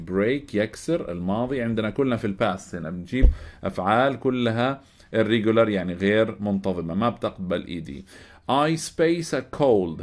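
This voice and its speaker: A man talks through an English workbook lesson in a fairly low voice. He goes slowly over each phrase, spells words out letter by letter and says them again. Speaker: English teacher.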